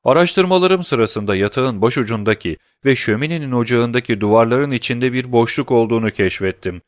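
A man voicing a humble, eager male prison doorkeeper in a storybook reading, speaking in a deferential, excited way. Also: medium pitch, a little fast, no room sound, studio quality, lightly acted.

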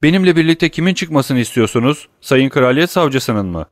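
A man's voice: mid-range voice, lively intonation, normal speed, dry recording, voice pushed up, natural voice. Guy doing a grieving young man in a storybook, urgent and pleading, a bit raised, dry sound.

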